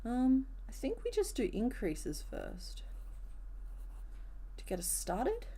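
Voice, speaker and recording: During a live crochet stream, a woman with a rough, hoarse voice chats casually with her viewers and answers their comments while working. Her voice sits a little high with huge pitch swings, and she speaks slowly in a mellow way.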